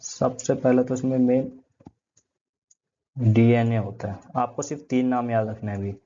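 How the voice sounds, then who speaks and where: A man's voice: medium pitch, little pitch movement, measured pace, dark tone. Guy teaching a class, keeps asking then answering, repeats the key words, kinda dull lo-fi sound. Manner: asks questions and answers them himself; repeats key terms, uses everyday comparisons. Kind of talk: classroom lecture.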